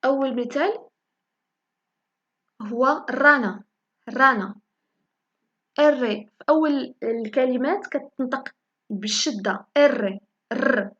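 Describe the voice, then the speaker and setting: A woman with a Moroccan Arabic accent teaching a language lesson, saying each example word slowly and repeating it for learners. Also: high-pitched, fairly bright tone, muffled recording. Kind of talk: spoken lesson in Moroccan Darija.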